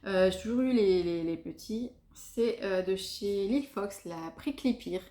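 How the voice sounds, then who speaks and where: A woman talks casually and enthusiastically about skincare, pausing often to hesitate and circle back. Her voice sits in a mid range. The room around her rings with noticeable echo. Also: mid-range voice, warm tone. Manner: chatty, many hesitations, enthusiastic about products. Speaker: beauty vlogger. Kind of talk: casual product review. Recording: echoey room.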